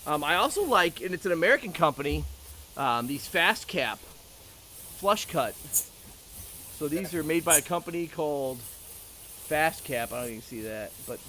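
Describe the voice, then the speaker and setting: A man's voice: fairly high pitch, lively intonation, moderate pace, pauses often, pushed and bright, a little hiss or hum. A man chatting casually and talkatively, with joking asides, as he shows off things. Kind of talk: casual chat about tools.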